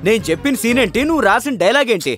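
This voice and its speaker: An actor playing a pompous middle-aged film director who scolds in a sing-song, mocking way. His pitch swings widely as he sneers at the dialogue. Music runs under the scene. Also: expressive, very fast, fairly bright tone. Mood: scolding. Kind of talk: comedy short film acting.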